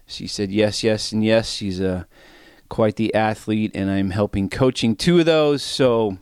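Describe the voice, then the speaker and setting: A man's voice: medium pitch, clear, resonant tone, no room sound, clean studio sound. A middle-aged man hosting a sports betting podcast, a bit out of breath and rambling off on tangents in casual solo chat. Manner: rambling, self-deprecating, goes off on tangents.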